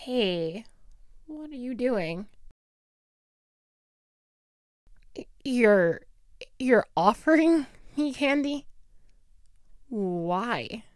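Woman playing a snarky, animated high-pitched school bully girl. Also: drawn-out words, long pauses, no echo, clean studio sound. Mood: reluctant, awkward. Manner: taunting, sarcastic, theatrical drawl with swooping emphasis. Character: snarky, hot-tempered school bully girl, grudgingly softening. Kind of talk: one-sided audio role-play.

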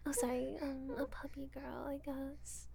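A woman playing a haughty, bullying purebred cat girl in a breathy ASMR role-play, condescending one moment and fawning the next. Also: high-pitched, a little slow, noisy background. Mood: mocking, smug. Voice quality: breathy, soft-spoken. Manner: condescending, cutting, gushing and meowing when flattering.

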